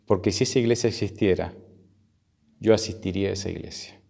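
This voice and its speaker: A man's voice: deep voice, quick pace, gravelly, mellow. A man with an Argentine accent voicing a blunt middle-aged bar owner in his sermon story, matter-of-fact and plain. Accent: Argentine Spanish.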